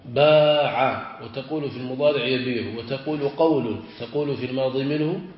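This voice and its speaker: A man, a sheikh, teaching a classical Arabic grammar lesson. He stretches example words slowly and keeps asking his students whether they follow. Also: mid-range voice. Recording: echoey, dull lo-fi room recording.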